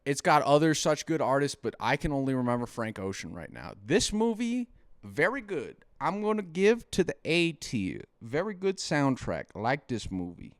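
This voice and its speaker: A man's voice: a little high, sing-song, moderate pace, crowd noise. A man who is getting drunker as he gives casual, joking film reviews, rambling and stumbling over his words. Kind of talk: casual comic film tier-list commentary.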